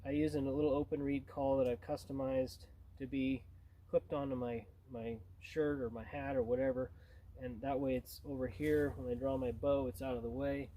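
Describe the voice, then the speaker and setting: A man's voice: mid-range voice, level tone, moderate pace, dark tone, a little hiss or hum, poor audio. A man gives an informal tutorial as a hunting instructor, in a plain-spoken, conversational way.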